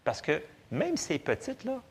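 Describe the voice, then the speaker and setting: Animated Quebec French preacher. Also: male voice, on the high side, moderate pace, husky. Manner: animated, conversational preaching with sudden loud bursts. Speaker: pastor. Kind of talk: sermon.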